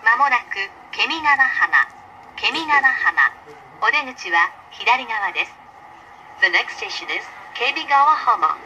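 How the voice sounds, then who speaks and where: A woman's voice: fairly high pitch, animated, normal speed, long pauses, bright, forceful tone, lo-fi sound. A woman giving pre-recorded train station announcements in a clipped, formal manner, her words spliced together from separate clips.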